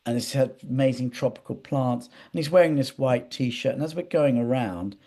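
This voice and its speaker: Speaking as an interview guest, a man with a dark-toned, medium-pitched voice tells rambling anecdotes at a normal speed. His conversational delivery is hesitant and digressive, full of repeated words.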